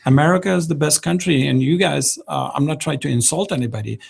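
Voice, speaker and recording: Afghan-accented middle-aged male guest, gravelly voice, emphatic and earnest, at a studio desk mic. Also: on the high side, fast talker. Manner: passionate, emphatic, non-native grammar. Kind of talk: radio interview. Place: small radio studio. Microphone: desk microphone.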